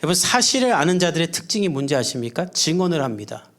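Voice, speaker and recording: Middle-aged pastor delivering a church sermon in an earnest, chatty way, voice on the higher side for a man. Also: sing-song, quick pace, a bit bright. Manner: earnest, conversational preaching with everyday examples. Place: church service.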